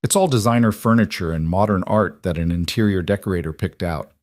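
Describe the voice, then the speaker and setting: A man voicing a guarded woman CEO who speaks quietly and earnestly, in a storybook narration. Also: low voice, brisk, no echo, studio quality, lightly acted. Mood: tender.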